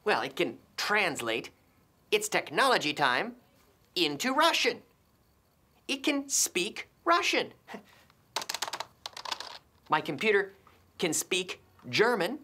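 A woman presenting an English lesson segment, playful, often laughing and repeating phrases slowly. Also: mid-range voice, big pitch swings, pushed and bright, slight background noise. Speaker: English teacher.

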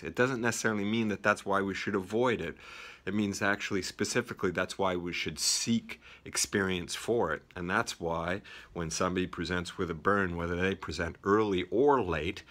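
A man's voice: deep voice, a bit bright. A man in his fifties, a physician teaching, talking off the cuff with many fillers and restarts, recorded on a phone at arm's length in a small office. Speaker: emergency physician educator. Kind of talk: informal teaching vlog. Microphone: phone held at arm's length.

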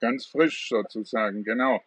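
A man's voice: medium pitch, moderate pace, a bit bright, breathy edge, dry recording, distant mic, poor audio. A middle-aged man hosting an interview over a video call, chatty with many fillers. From southern Germany. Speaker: talk show host. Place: room at home with plants.

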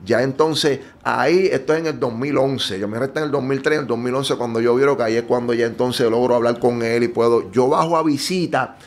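A man's voice: mid-range voice, brisk, hardly any pauses, slight background noise. A man with a Puerto Rican accent, telling his personal testimony earnestly in an interview and checking in with frequent tag questions. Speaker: guest giving testimony.

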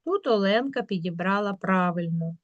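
A woman teacher working through a school workbook, drawing words out slowly to show where the stress falls. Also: medium pitch, lively intonation, no room sound, highs cut off. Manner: slow, drawn-out word demonstrations.

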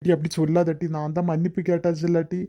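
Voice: mid-range voice, little pitch movement, mellow, highs cut off, lightly acted. A voice actor voicing a guilty village father in a cartoon, begging his wife's forgiveness. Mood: pleading, coaxing. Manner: quick, guilty, pleading. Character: remorseful village father, rough but sorry. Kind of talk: cartoon voice acting.

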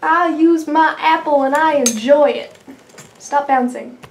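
Giggly high-voiced young woman behind the camera. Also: a little slow, slight background noise. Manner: teasing, giggly. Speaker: camera operator. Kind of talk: casual chat. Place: small home bathroom.

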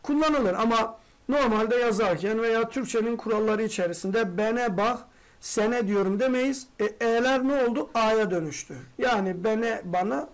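Teacher firing off rhetorical questions. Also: medium pitch. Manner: asks rhetorical questions and answers them; addresses students familiarly as friends. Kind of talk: exam-prep grammar lesson.

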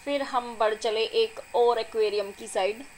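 A young adult woman, a vlogger and mother, narrating her family video in a chatty, doting, excited voice-over. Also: a little high, a little slow, a little hiss or hum, poor audio. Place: recorded apart from the filmed scene.

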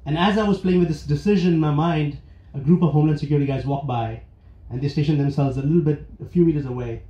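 A man from India telling a personal story live on stage, earnest and reflective, with pauses and restarts. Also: fairly high pitch, dark tone. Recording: roomy, dull live venue recording.

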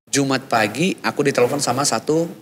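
A man's voice: mid-range voice, a little fast, a little hiss or hum. A man in his thirties telling a personal faith story in casual chat, acting out the voices of people in it. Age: 30s. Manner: lively storyteller, acts out quoted dialogue. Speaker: guest.

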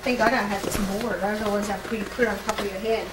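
A woman's voice: medium pitch, steady tone, fast. A woman in a home kitchen giving bossy instructions, captured by a camcorder on an old VHS home video. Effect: old VHS tape home video. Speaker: home cook directing the cake icing. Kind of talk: casual home-movie chatter. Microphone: camcorder mic. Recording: hissy old VHS tape, echoey kitchen, from far off.

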